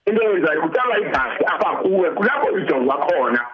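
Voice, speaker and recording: A man's voice: fairly high pitch, very animated, fast talker, narrow, tinny audio, over a noisy crowd. A man in his sixties with a South African Xhosa accent, telling his story conversationally as an interview guest and often checking that his listener follows. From Eastern Cape, South Africa. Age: 60s. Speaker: interview guest, cancer survivor.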